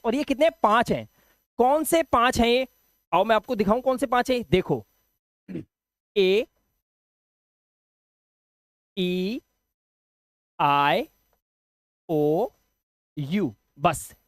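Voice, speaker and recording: A man teaches beginners step by step, with a slightly rough throat. He keeps asking the viewer questions and repeats each key word. The sound is dry and close, with no room around it. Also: sits high, animated, slow, long pauses, a bit bright, dry recording. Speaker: English teacher. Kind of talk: classroom explanation.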